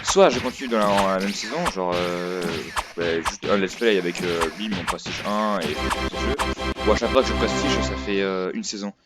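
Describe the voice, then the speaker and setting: His voice sits low and moves at a moderate pace, with loud music behind it. A casual let's-play host, he thinks aloud hesitantly and rambles, and his noisy headset mic catches clicks along with clear noise.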